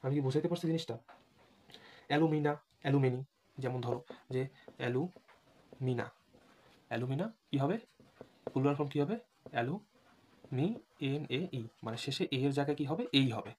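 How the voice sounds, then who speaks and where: Fast-talking guy teaching a prep class, spells words out, keeps asking if you got it. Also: a little high, darkish tone, slight background noise. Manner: repeatedly checks understanding, spells words letter by letter. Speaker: English teacher for admission test prep. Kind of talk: online lecture.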